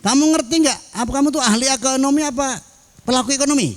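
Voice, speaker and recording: A male preacher voicing a brisk religious teacher who fires questions at a pupil in a raised voice. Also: very high-pitched, long reverb tail, voice pushed up. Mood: quizzing. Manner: rapid-fire questioning.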